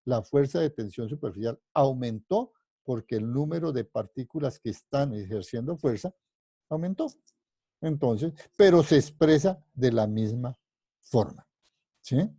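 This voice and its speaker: A man's voice: medium pitch, lively intonation, a little slow, mellow, breathy edge, no echo, clean studio sound. A man lecturing on physics, explaining step by step and often stopping to check with "¿sí?" and "¿cierto?" whether his students follow, sometimes rephrasing mid-sentence. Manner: explanatory, constantly checking understanding with questions; rephrases and restarts mid-sentence while thinking aloud. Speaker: physics professor. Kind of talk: university lecture.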